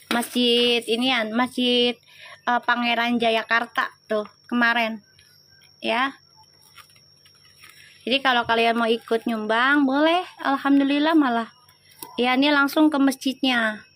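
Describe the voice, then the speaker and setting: A woman's voice: fairly high pitch, a bit bright. A woman reading tarot on a livestream, chatting in slang and teasing her viewers. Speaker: tarot reader.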